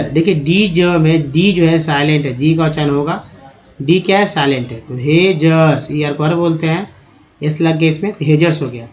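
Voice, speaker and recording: A man's voice: a little high, low-quality recording. A man teaching English pronunciation, spelling words letter by letter, repeating them and asking the listener rhetorical questions. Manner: addresses viewers as friends and asks rhetorical questions. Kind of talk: spoken lesson.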